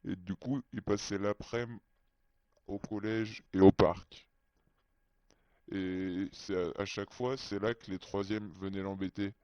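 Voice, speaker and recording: A man's voice: fairly low pitch, fairly even intonation, unhurried, dark tone, dry recording. A man whose voice is disguised with a voice changer, telling a personal story in a hesitant, childlike way. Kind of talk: halting first-person storytelling. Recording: dry, muffled lo-fi sound.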